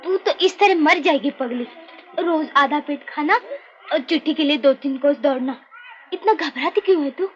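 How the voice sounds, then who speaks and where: A woman's voice: sits high, normal speed, close to an everyday voice. A woman playing a blunt, chiding working woman. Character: brisk caring fellow labourer woman, blunt. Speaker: neighbour. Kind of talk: 1950s film acting. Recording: dull old film soundtrack with faint noise.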